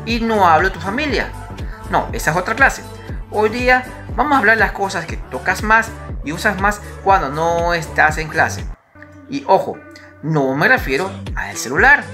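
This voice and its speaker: A woman's voice: lowish voice, pushed and bright. A woman teacher giving a recorded lesson to young children, chatty and patient, asking questions and having them repeat words after her.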